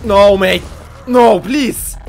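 A man giving excitable let's-play commentary, yelping and repeating words in mock panic. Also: high voice, very slow, vocal fry, faint music behind. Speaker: gaming channel host.

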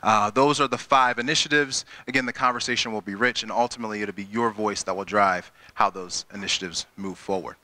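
Bright-voiced man at a town hall. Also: fairly low pitch, steady tone, brisk, few pauses. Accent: Midwestern American. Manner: conversational, many filler words and restarts. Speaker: school district chief executive. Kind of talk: presenting at a town hall meeting. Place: school auditorium with a seated audience. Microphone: handheld microphone.

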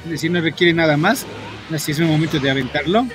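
A man from Mexico with a Mexican accent, chatting to viewers while he plays, rambling, filling every pause with "este" and swearing at the game in bursts. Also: a little high. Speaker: gaming streamer. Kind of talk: casual gameplay commentary to viewers. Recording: loud game music under the voice. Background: game music.

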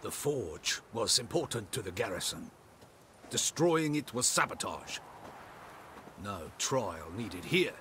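An actor playing a stern garrison soldier in a video game, speaking curtly with authority. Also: male voice, lowish voice, big pitch swings, slow, bright, forceful tone, a little hiss or hum, full character voice. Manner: curt, authoritative. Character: stern imperial garrison soldier, adult man.

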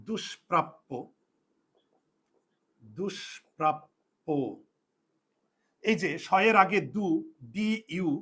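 High-voiced man teaching a spelling lesson. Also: a bit bright. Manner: repeats and drills points, asks and answers own questions. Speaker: Bengali language teacher.

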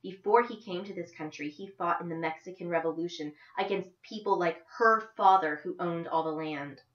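A woman voicing a sharp-tongued, defiant teenage girl with a mocking, biting way of talking, read aloud from a book. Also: lowish voice, normal speed, roomy sound, highs cut off, close to an everyday voice.

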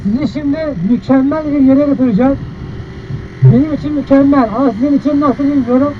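A man's voice: very high-pitched, steady tone, fast. A man chatting casually and in a rambling, colloquial way as a motovlogger, talking inside a helmet while riding. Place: inside a helmet, outdoors on a moving motorcycle. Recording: muffled inside a helmet, loud engine and road noise.

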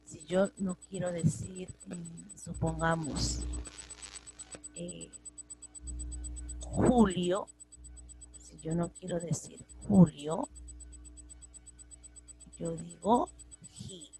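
A woman's voice: on the low side, extremely slow, pauses often, dark tone, slight background noise, low-quality recording. A woman teaching English grammar, patiently repeating each example in both languages. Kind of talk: slow classroom explanation, mixing Spanish and English.

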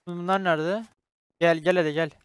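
A young Turkish-accented gaming YouTuber narrates his own shooter gameplay, swearing, bantering with teammates and begging viewers to subscribe. His high-sitting voice is smooth and moves at a normal speed.

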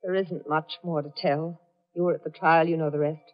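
A woman's voice: deep voice, steady tone, moderate pace. Hunted female narrator, tense storytelling, 1940s radio acting, dull AM radio broadcast sound. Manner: tense first-person storytelling. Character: woman narrator, hunted and desperate. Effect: old AM radio broadcast sound. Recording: muffled 1940s AM radio broadcast with faint music.

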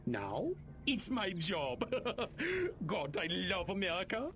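A gloating German mad food scientist. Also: male voice, sits high, wildly swooping pitch, takes it slowly, fairly bright tone, exaggerated voice. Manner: gloating, theatrical. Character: scheming male German food scientist, gleeful. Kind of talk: video game cutscene acting.

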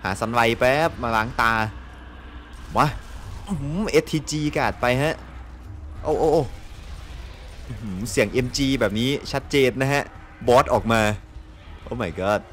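A young man with a Thai accent giving excitable gameplay commentary. He laughs often and swears mildly. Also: mid-range voice, a little slow, pauses often, slight background noise. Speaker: gameplay streamer. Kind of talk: casual let's-play commentary.

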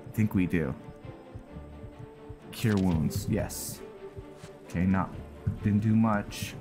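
Game music plays as a deep-voiced man slowly talks through his gameplay. His commentary is casual, made up of thinking aloud and mild exclamations.

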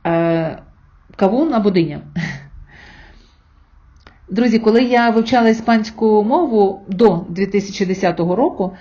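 A woman's voice: mid-range voice, warm tone, dull audio. A middle-aged woman giving an online language lesson, patiently spelling out sounds and examples for her viewers. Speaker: Spanish teacher.

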